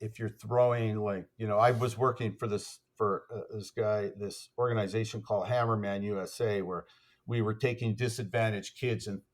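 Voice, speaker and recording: A man's voice: on the low side, fairly even intonation, normal speed. A man, an athletics coach, telling stories as a podcast guest in a rambling way, full of fillers and restarts. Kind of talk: casual conversational storytelling.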